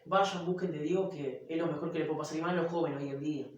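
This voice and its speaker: A young man with an Argentine Spanish accent tells his story with lively energy and acts out the other voices in it. His voice sits a little high for a man. He is recorded in a very echoey room from a distance. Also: fast, dull audio. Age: young adult. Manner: animated storyteller acting out dialogue. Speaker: church youth guest. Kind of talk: testimony in interview. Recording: very echoey room, mic far off.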